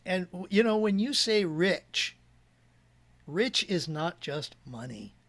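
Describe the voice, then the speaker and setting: A man with a slightly raised pitch speaking as a podcast guest. He talks earnestly and at length, often restarting his sentences as he works through a thought. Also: very animated, takes it slowly, fairly bright tone. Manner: earnest and rambling, many restarts. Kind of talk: casual interview chat.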